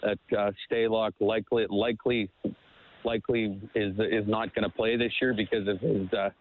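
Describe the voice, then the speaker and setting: A man calling in to a sports talk show over the phone, speaking haltingly with many fillers and restarts. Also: on the low side, flat delivery. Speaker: caller. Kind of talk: sports call-in chat. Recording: dry tinny phone line.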